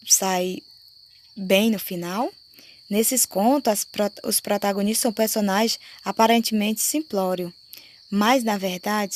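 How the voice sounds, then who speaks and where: A Brazilian woman teaches a grade-school lesson at an unhurried pace, spelling each point out and checking in with the class. Her voice sits at a middle pitch. Faint crickets and insect sounds hum in the background. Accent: Brazilian Portuguese. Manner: slow, explanatory, checks understanding with "né?" and "certo?".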